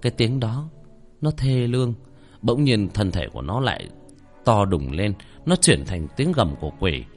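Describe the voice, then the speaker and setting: A man's voice: on the low side, normal speed, faint music behind. Man narrating a horror story dramatically. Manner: dramatic, expressive, pleading in dialogue. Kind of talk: first-person horror storytelling.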